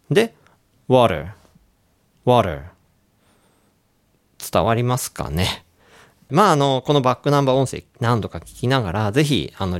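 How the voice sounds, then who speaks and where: A man hosting a radio English lesson who plays a friendly doctor giving out cures and explains pronunciation in a relaxed, joking way. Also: on the low side, creaky. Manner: playful doctor role, casual asides. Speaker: radio show host and English coach.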